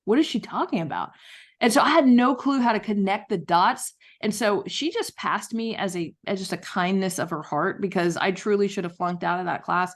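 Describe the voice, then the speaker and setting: A woman's voice: mid-range voice, normal speed, hardly any pauses. A woman author, a guest on a podcast interview, talking in an enthusiastic, storytelling way. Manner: enthusiastic, storytelling with acted quotes.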